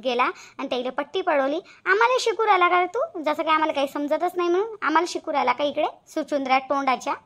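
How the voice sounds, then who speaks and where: Rapid-talking squeaky village aunty from a cartoon, always demanding answers. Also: female voice, a bit bright. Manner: demanding, shrill, rapid-fire questions. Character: loud quarrelsome village auntie, middle-aged woman. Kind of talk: cartoon voice acting.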